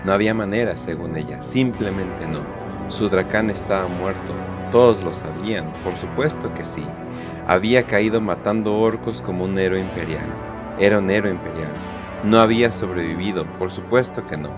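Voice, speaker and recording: Over clearly audible music, a man with a low voice reads a grim war tale from a script. His delivery is dramatic, solemn and deliberate, and the audio sounds dull.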